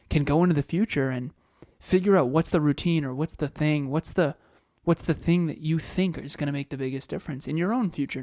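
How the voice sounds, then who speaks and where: His voice is fairly high with a darkish tone: a man in his thirties co-hosting a motivational podcast, speaking energetically and firing off rhetorical questions while repeating phrases. The studio sound is clean with no room noise.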